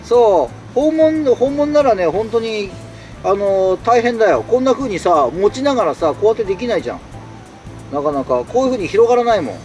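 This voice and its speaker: A talkative man streams from inside his tent as rain falls outside. He chats casually and reacts to viewer comments with exclamations. His voice sits high and swings widely in pitch, with faint music underneath. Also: big pitch swings, a little fast, a little mellow. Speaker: solo camping streamer. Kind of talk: casual live-stream chat while camping. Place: inside a tent while it rains.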